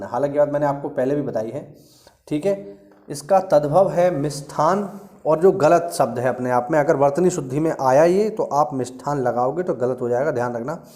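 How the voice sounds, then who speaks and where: Higher-voiced male teacher drilling vocabulary. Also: a little mellow. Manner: repeats key words, often checks in with "thik hai". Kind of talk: exam-prep lesson.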